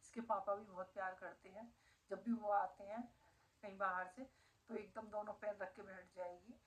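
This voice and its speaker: A woman's voice: mid-range voice, fairly even intonation, normal speed, a bit bright, rough recording. A middle-aged woman vlogging casually at home, emotional and doting as she talks about her pet dog. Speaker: family vlogger. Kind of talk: casual home vlog talking to viewers. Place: at home indoors.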